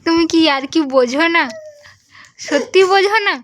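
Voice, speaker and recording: A woman's voice: extremely high pitch, normal speed, slight background noise. A young mother at home with a West Bengal Bengali accent, coaxing and cajoling her child in casual vlog talk, slipping into baby talk.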